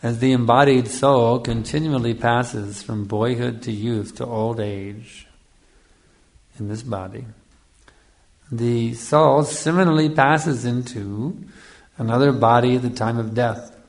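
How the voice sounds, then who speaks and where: A man with a mid-range voice speaks slowly as a spiritual teacher giving a Hare Krishna style scripture lecture. His approach is didactic, with phrases repeated for emphasis and frequent check-ins with his listeners.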